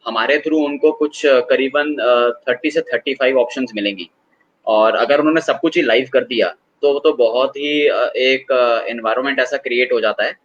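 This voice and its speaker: A man explaining online assessment tools as a guest, in a measured and hesitant way, calling the host sir. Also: mid-range voice, fairly bright tone, highs cut off. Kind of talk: conversational explanation.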